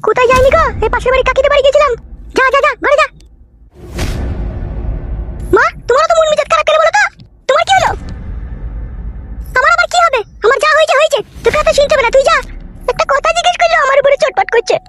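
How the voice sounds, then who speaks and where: A woman's voice: very high voice, fast talker, pauses often, fairly bright tone. A woman acting in a comic family sketch, scolding and quarrelling dramatically.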